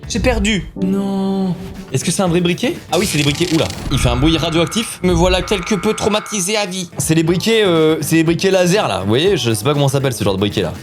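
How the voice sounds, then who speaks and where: A young man testing gadgets for his vlog in a small studio, hyper and crude, joking constantly and yelping in excitement. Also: high-pitched, a little fast, over music. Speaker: YouTuber.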